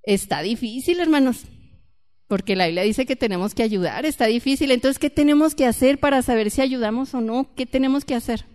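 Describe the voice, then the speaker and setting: A woman's voice: fairly high pitch, brisk, a little mellow. A woman preaching a conversational sermon and asking her congregation questions. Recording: long hall reverb.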